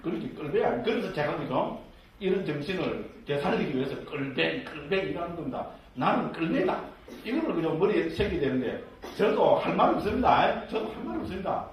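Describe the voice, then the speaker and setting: A man's voice: fairly high pitch, very animated, brisk. A man who teaches Buddhist scripture as a monk, in a jokey, conversational way that is full of tag questions. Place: lecture room with a live audience. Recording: echoey room from far off, faint hiss.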